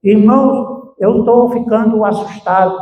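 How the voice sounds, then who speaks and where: A man's voice: high-pitched, steady tone, measured pace. A man preaching as a pastor, with emphatic swings in his delivery. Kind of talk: sermon. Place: church sanctuary. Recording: echoey church, distant mic, muffled.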